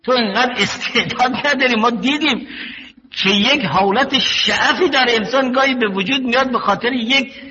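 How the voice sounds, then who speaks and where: Older male preacher, bright, high voice, steady teaching delivery, dull lo-fi hall recording. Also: slight background noise. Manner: slow, measured teaching with stories and quotations. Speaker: cleric. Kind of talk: religious sermon.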